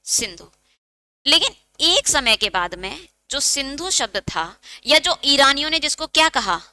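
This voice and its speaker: A woman's voice: high voice, big pitch swings, measured pace, pushed and bright, dry recording. A woman teaching a Hindi exam-prep lecture, asking questions and answering them herself, and dictating note points.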